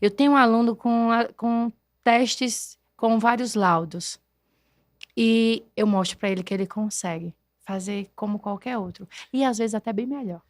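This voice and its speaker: A woman, a guest telling her story in a lively, animated way and acting out quoted voices. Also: fairly high pitch, normal speed, no echo, clean studio sound. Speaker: guest, math teacher and neuroscience educator. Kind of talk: conversational podcast interview.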